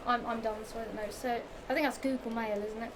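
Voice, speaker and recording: A young Englishwoman with a Norfolk accent chats about shoes in a vlog, her fairly high voice fast and fairly even in intonation, a little strained from the heat. She rambles, repeats herself and giggles, with lots of fillers and restarts. It's a casual show-and-tell of products, captured in a noisy home recording.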